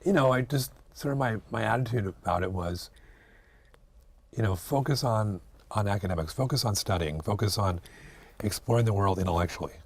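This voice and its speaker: A man's voice: on the low side, brisk, slightly rough. A man in his late forties, an acupuncturist guest speaking reflectively in an interview, hesitant with many fillers and restarts. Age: 40s.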